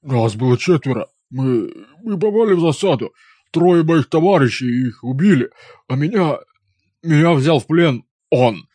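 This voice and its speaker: A man's voice: medium pitch, lively intonation, moderate pace, darkish tone, dry recording, lightly acted. Man putting on a stammering, trembling orc warrior. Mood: frightened. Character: frightened captured male orc warrior. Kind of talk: audiobook character voice.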